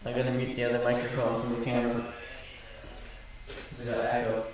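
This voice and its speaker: Casual male streamer in a garage, heavy doubled echo and a faint hiss, speaking in an even, level tone. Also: fairly quick. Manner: rambling, self-correcting, apologetic about the audio. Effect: heavy doubled echo from two microphones at once. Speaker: live streamer with a repair channel. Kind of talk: casual live stream chat. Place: home garage. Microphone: desktop USB condenser mic plus camera mic. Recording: booming echo, distant mic, faint noise.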